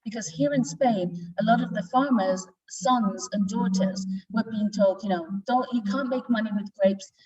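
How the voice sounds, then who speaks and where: Pitched on the high side with a darkish tone, she talks at normal speed with hardly any pauses. The speaker is a wine exporter in her forties from the north of England, with a Northern English accent, telling her story informally as guest presenter of a virtual tasting in an indoor office tasting room. Heard from away from the mic on a video call, the recording is distant, dull and lo-fi.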